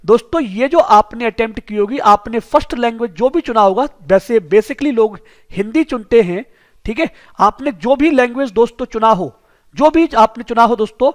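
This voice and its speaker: A man's voice: very high voice, normal speed. A man teaching an exam-prep lesson who keeps asking rhetorical questions and calling the viewers his friends.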